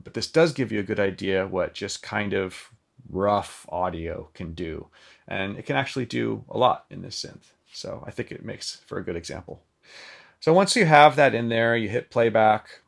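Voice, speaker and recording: A man's voice: lowish voice, creaky. A man giving a casual, chatty product demo of a synth, with loose phrasing and lots of filler ums. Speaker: synth demonstrator. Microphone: microphone plugged into the synth.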